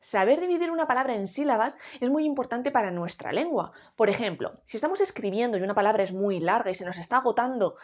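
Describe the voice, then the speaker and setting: Woman, Spain Spanish accent, teacher explaining grammar, lively rising and falling pitch, slightly high voice, slightly dull lo-fi sound. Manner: slow, clear teacher talk, spelling out syllables. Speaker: educator. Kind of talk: explaining a lesson to students.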